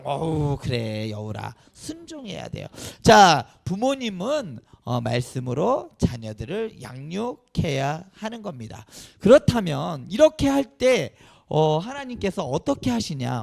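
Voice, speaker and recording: Male pastor doing a kids' sermon, high bouncy voice, kind of gravelly, keeps asking the kids questions. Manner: animated, questioning the children directly. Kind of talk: children's sermon. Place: church sanctuary.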